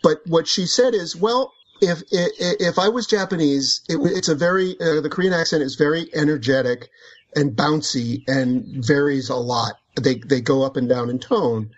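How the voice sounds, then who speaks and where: An author with a fairly high voice chats casually about his book in a book club setting, drifting into tangents and laughing as he goes. He talks at a moderate pace, and the recording is dull and lo-fi.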